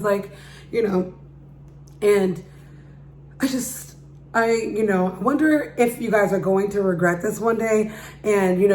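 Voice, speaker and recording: A woman with a slightly harsh, raised voice gives a casual, slangy opinion monologue to viewers, putting rhetorical questions to them. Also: medium pitch. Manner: speaking loudly to be heard. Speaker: vlogger giving opinion. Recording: roomy echo with background hum.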